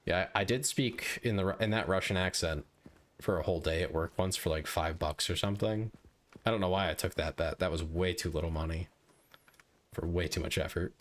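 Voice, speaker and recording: Deep-voiced man chatting on a game stream. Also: a little fast. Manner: chatty, rambling, joking with viewers. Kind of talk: casual live-stream gaming chat.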